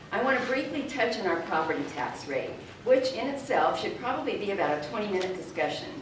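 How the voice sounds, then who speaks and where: A woman giving a measured speech at a candidate forum as an incumbent, with small restarts. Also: fairly low pitch. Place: large meeting hall. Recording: echoey hall from far off, background noise.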